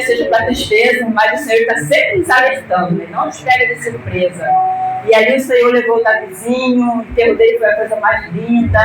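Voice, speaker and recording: Brazilian woman, church testimony, fervent, voice pushing toward shouts; picked up from afar in a booming hall with background noise. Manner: fervent, voice swelling to near-shouts. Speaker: church member giving testimony. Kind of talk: emotional religious testimony. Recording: echoey hall, distant mic, background noise.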